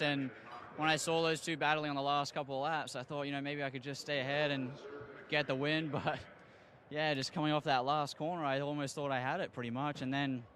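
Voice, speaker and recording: A young man talks through his race in an easygoing way. His bright voice stays fairly flat in pitch. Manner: relaxed, laughs lightly. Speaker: racing driver. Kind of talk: post-race interview.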